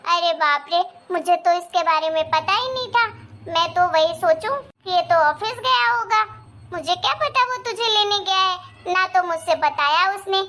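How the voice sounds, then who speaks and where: A woman voicing a jealous, complaining middle-aged mother in a cartoon, talking slower and lower than the others. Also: animated, sharp tone, full character voice. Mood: grumbling. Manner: complaining, sulky. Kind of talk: animated cartoon voice acting.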